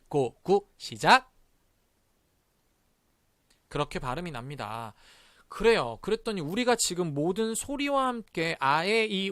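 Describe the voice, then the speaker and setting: A man in his thirties teaching Spanish pronunciation in a live online lesson, leading the class in repeat-after-me drills and sounding syllables out slowly. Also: fairly high pitch, sharp tone, dry recording, clean studio sound. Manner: leads repeat-after-me drills with a cheerful call of "start".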